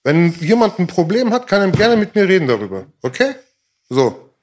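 A man with a high voice that leaps around a lot, talking as a rapper guest in a relaxed interview. He speaks emphatically in street slang, says things twice and keeps checking that his listener is following. The talk is casual and frank. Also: normal speed.

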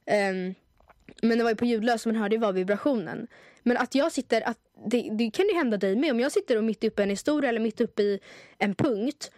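A young woman co-hosting a podcast, telling stories in a chatty, animated way with lots of fillers. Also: on the high side, dry recording, studio quality. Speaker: podcast co-host. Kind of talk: casual chat.

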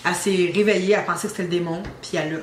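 A young woman with a Québécois accent, casually telling an animated ghost story on a podcast. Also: fairly low pitch, very fast. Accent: Québécois French. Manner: animated storyteller, teasing suspense. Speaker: guest telling her story. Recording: roomy with faint ambient noise.

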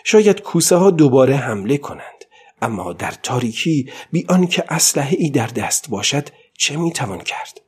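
A man reading an audiobook plays a worn-out old fisherman, raising his pitch a little for this storybook figure who stays alone and determined out at sea. The husky, darkish, very animated voice sounds weary, muttering to itself before hardening into stubborn, defiant outbursts.

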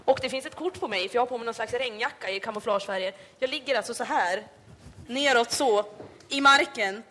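A woman's voice: a little high, bright, forceful tone, a little hiss or hum. A young woman from Sweden with a Hälsingland accent, hosting a live podcast and telling a comic story full of fillers. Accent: Hälsingland Swedish. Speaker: podcast host. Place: live event stage.

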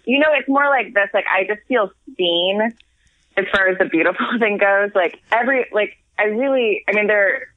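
The co-host is an American woman on a tinny phone line from abroad, speaking in a mid-range voice at a moderate pace with no room sound. In this casual chat she comes across a little tipsy, giggly and rambling, with lots of restarts.

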